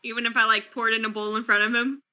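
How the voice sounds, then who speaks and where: A woman plays a tabletop game in a very bright, sharp voice. She talks casually and asks a lot of questions. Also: fairly high pitch, little pitch movement, quick pace, clear, resonant tone, dull audio. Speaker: player. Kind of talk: in-character tabletop play.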